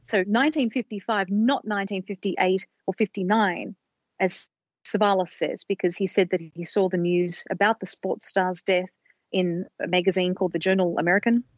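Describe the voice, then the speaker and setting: In a dull, lo-fi, dry recording, a podcast co-host with a mid-range voice speaks at a moderate pace and steady tone. She carefully walks through her research in a casual, explanatory manner, making small restarts along the way.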